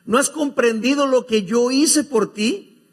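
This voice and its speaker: A man's voice: fairly high pitch, a little fast, darkish tone, slightly rough. A man voicing a loving adoptive father who firmly reassures his worried son in a sermon story. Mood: pleading, emphatic. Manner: emphatic, pleading, rising questions.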